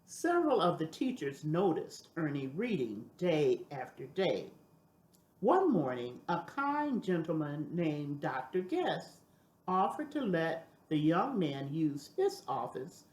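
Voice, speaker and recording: Older woman, sweet grandmotherly storyteller, lowish pitch, deliberate lively delivery, roomy sound. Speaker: storybook reader. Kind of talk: expressive scripted storybook narration.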